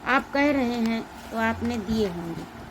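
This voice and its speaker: A woman's voice: on the high side, expressive, measured pace, noisy background. A woman reading aloud as a timid, tearful young governess who speaks with a trembling voice. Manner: trembling, fearful, soft-spoken.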